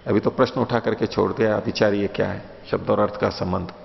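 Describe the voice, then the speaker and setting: A man giving a lesson on Vedic philosophy, reciting Sanskrit lines slowly and then explaining them in a conversational, questioning way. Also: on the low side, fairly even intonation, gravelly, slight background noise. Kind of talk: lecture explaining Sanskrit sutras. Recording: dull lo-fi audio with long reverb.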